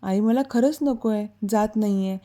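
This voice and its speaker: A woman voicing a shy, hurt young woman who speaks softly and sulks a little, in a storybook reading. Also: medium pitch, moderate pace, lightly acted.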